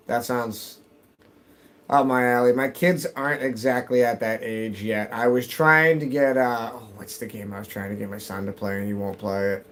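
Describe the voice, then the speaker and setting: A man in his thirties talks casually through a live gaming stream from his basement. He answers chat between moves and mutters to himself as he plays. His voice sits at an ordinary mid pitch. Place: home basement.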